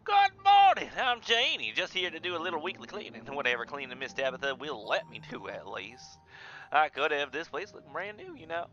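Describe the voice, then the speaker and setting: A man's voice: a little high, wildly swooping pitch, fairly quick, a bit bright, lo-fi sound, voice pushed up. A man voicing a chirpy, overeager Southern cleaning lady who chatters in a raised, bubbly voice. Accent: Southern US, put on.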